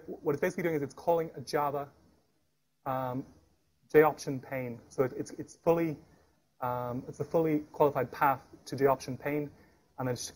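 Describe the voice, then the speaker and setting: A man giving a live technical presentation at a meetup, talking fast with frequent restarts and fillers. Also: medium pitch. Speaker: tech meetup speaker. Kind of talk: live technical talk with demo. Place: meetup room.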